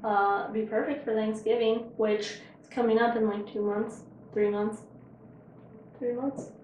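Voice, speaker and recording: A woman with a fairly high voice hosts a casual home cooking show, chatty and joking as she samples dishes. She is picked up from across an echoey kitchen with faint room noise. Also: little pitch movement, moderate pace, a little mellow. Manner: chatty, joking, talks with her mouth full. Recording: echoey kitchen, mic far off.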